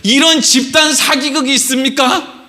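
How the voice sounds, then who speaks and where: Male pastor, high bright voice, animated sermon delivery with acted-out quotes. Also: normal speed. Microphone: livestream.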